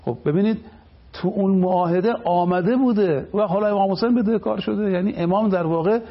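A man's voice: sits high, highs cut off. A man speaking as a cleric on a television program, delivering an emphatic religious lecture. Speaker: cleric guest.

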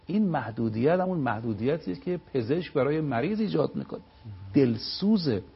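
Male religious speaker, fairly high husky voice, preachy storytelling, lo-fi TV sound. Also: lively intonation. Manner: preaching, storytelling, slow stressed recitation of sayings. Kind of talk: religious talk on live TV.

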